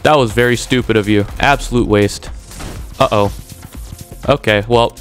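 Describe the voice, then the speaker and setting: A man giving excitable live commentary over his own video game play, trash-talking opponents and reacting as he goes. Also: mid-range voice, a little fast. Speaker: gaming YouTuber. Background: game music and gunfire.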